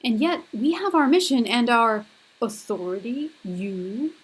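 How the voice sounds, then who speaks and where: A woman's voice: a little high, lively intonation, a little slow, slightly rough, poor audio. A woman lecturer voicing the wrathful leader of ancient female avenging spirits in a read-aloud scene, speaking in an accusing, emphatic way.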